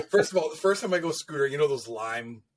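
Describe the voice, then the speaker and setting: A man co-hosting a casual podcast chat, telling stories in an animated way, swearing freely and laughing often. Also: on the high side, a little fast, slight background noise. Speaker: podcast co-host, tattoo artist.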